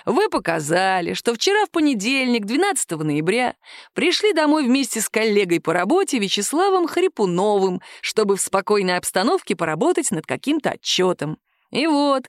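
A woman voicing a calm, caustic male police captain who questions a suspect slowly in an audiobook. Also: mid-range voice, dry recording, close to an everyday voice. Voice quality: nagging, dry. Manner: slow, calm, measured interrogation.

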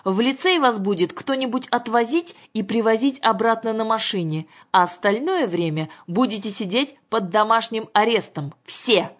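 A woman voicing a stern, angry middle-aged father who barks orders and threatens loudly, with a slightly husky voice. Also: mid-range voice, animated, normal speed. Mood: bossy. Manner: blustering, commanding, shouting orders.

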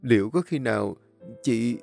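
A man's voice: mid-range voice, expressive, measured pace, creaky, a little mellow, soft background music. A man voicing a frightened young mother who pleads anxiously in an audio story. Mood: anxious pleading.

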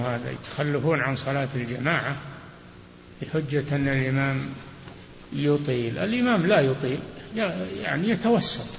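A man's voice: on the high side, creaky. A man acting as a sheikh, answering religious questions with short, firm rulings in a question-and-answer lecture. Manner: short, firm rulings, often closing with "na'am". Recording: roomy, dull old hall recording with faint hiss.

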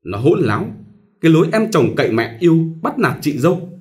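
A man's voice: fairly high pitch, big pitch swings, fairly quick, pitched above the performer's own voice. A man doing a tearful young wife. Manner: tearful and complaining. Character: tearful young married woman, aggrieved and pleading.

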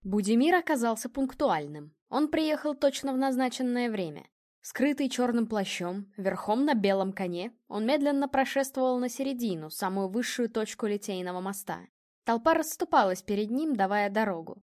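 A woman narrating an audiobook in an expressive storytelling manner. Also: a little high, moderate pace, dry recording, studio quality. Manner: expressive storytelling, voicing characters.

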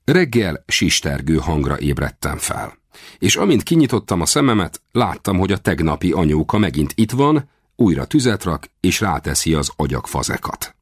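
A man narrates an adventure audiobook in the first person, his low voice moving lively up and down. He reads expressively and climbs higher whenever characters shout. The sound is close and dry, with no room around it. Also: slightly rough, dry recording. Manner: expressive, raises pitch for shouted dialogue.

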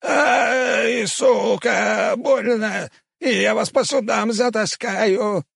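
A gravelly old tree-creature shopkeeper, squeaky high pitch, husky, snappish, audiobook. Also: male voice, animated, normal speed, dry recording, clean studio sound, exaggerated voice. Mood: pained yelling. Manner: snappish, rude.

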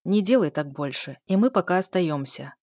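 A woman reading aloud, voicing a cold, emotionless man who speaks flatly. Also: fairly low pitch, moderate pace, no room sound, studio quality. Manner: flat, emotionless. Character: cold, indifferent man, the sister's husband.

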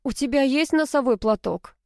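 A woman's voice: fairly high pitch, lively intonation, normal speed, a little mellow, no room sound, studio quality, voice pushed up, natural voice. A woman reading the lines of a grumpy teenage boy who keeps sneezing and mumbling, in audiobook narration. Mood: peevish.

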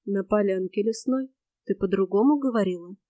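A woman playing a gruff, solemn warrior hero. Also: a little high, normal speed, a little mellow, no echo, studio quality, natural voice. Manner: gruff, solemn, old-fashioned speech. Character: earnest bogatyr warrior man, gruff.

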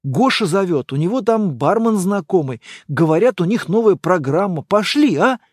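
A man's voice: sits high, lively intonation, normal speed, no room sound, clean studio sound. A man voicing a bewildered young man who pleads and makes excuses to his girlfriend. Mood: pleading.

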